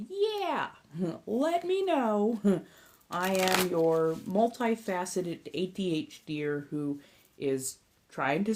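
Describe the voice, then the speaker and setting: A woman's voice: low voice, a little mellow. A woman with a Southern California accent chatting casually and informally to viewers as a livestream host and tarot reader, rambling a little as she goes.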